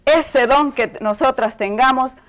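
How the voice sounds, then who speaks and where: A woman's voice: high voice, unhurried. A middle-aged woman giving a Bible class talk to women, often tagging her sentences with a questioning "right?". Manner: tags phrases with ¿verdad?, addresses hermanas.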